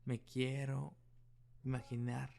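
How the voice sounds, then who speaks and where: A man's voice: mid-range voice, flat delivery, slow, creaky, warm tone. A middle-aged male pastor preaching a sermon, telling a personal story in an earnest way.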